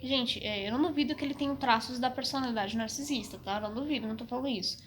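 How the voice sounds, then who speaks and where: A woman's voice: on the high side, racing, a little hiss or hum. A young woman with a Brazilian Portuguese accent talking frankly to camera, hesitant and full of restarts, with a slight cough. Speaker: vlogger. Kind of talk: casual personal storytelling to camera.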